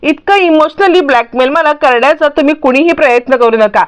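A woman's voice: sits high, a little fast, lightly acted. A woman voicing an angry, protective middle-aged mother who scolds her daughter. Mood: scolding. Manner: scolding, indignant.

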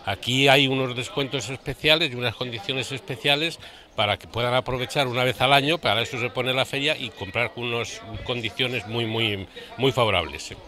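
An older man with a bright, forceful voice speaks into a handheld reporter's mic at an outdoor book fair stall. He explains his books at length, circling back with fillers and restarts. Middle-pitched and steady. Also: fairly quick. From Spain. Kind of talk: street interview.

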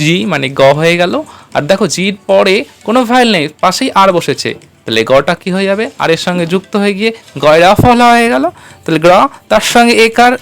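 A woman at a middle pitch leads a step-by-step pronunciation lesson, spelling words letter by letter. She pauses to quiz the listener patiently. A soft music bed plays faintly underneath. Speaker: English pronunciation teacher.

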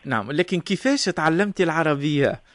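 Fast-talking Tunisian radio host. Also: male voice, a little high, animated, a bit bright, slight background noise. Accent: Tunisian Arabic. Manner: quick, chatty, welcoming. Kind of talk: live radio interview. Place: radio studio.

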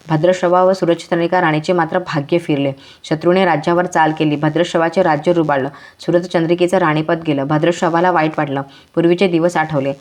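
A woman narrates a devotional folk tale with a low, steady voice. She speaks in measured, rhythmic short phrases, in the manner of a traditional storyteller.

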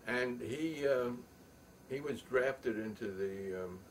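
An older man telling a story in a rambling, halting way, with many pauses and fillers. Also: mid-range voice. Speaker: show host. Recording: distant mic with faint room noise.

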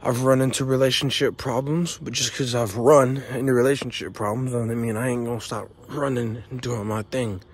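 A man's voice: medium pitch, steady tone, moderate pace, few pauses, breathy edge. A young man talking to his camera while running outdoors, out of breath, blunt and swearing, pushing himself along. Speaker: vlogger. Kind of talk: casual running vlog. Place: outdoors on a neighborhood street at dawn.

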